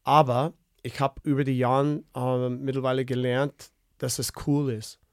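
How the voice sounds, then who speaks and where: A man's voice: medium pitch, level tone, measured pace, no echo, clean studio sound. A man in his fifties from Canada, speaking with a Canadian English accent and many fillers and restarts as a podcast guest. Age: 50s. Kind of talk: casual interview chat.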